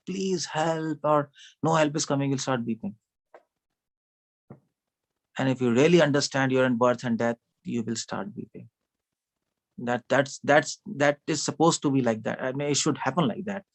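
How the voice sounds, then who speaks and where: Male speaker, mid pitch, chatty sermon style, quizzes the audience, laughs a lot. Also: normal speed, creaky, pauses often. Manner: conversational, asks the audience questions, laughs often. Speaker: speaker at a devotional gathering.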